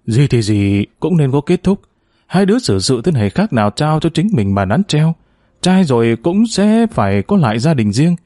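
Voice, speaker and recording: A man voicing an older retired father who speaks calmly and urges gently, in a narrated story. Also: fairly high pitch, moderate pace, no echo, clean studio sound. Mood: fatherly.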